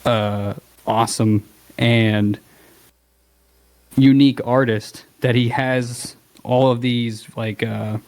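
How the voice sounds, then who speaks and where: A man's voice: medium pitch, steady tone, takes it slowly, a little mellow. Laid-back man who laughs often. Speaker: guest musician. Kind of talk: casual interview chat.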